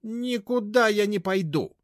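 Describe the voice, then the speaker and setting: A man voicing a shrill, brash, stout middle-aged woman who shrieks rudely and indignantly. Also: moderate pace, no echo, studio quality, lightly acted. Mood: screeching.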